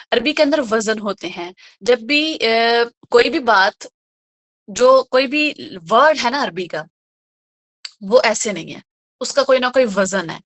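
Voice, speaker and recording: A woman's voice: fairly high pitch, fairly bright tone. Patient woman teaching a religious lesson. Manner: patient, repeats 'theek hai?' to check understanding; mixes English words into her speech. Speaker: Quran teacher. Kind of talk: religious lesson, explaining word by word.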